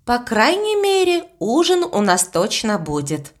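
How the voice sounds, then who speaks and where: A sensible, determined young girl, as a woman reader puts her on from a storybook, talking in a firm, practical way. Her voice sits high and lively, and she works through problems aloud. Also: measured pace, heavily acted. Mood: thoughtful.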